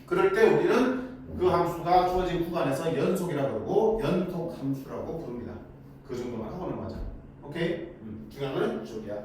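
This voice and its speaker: A man's voice: on the high side, animated, fairly quick, a little mellow. A man teaching a math lesson in a chatty way. He keeps asking students questions and then answers them himself. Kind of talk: lecture to students. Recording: echoey room, mic at a distance, faint noise.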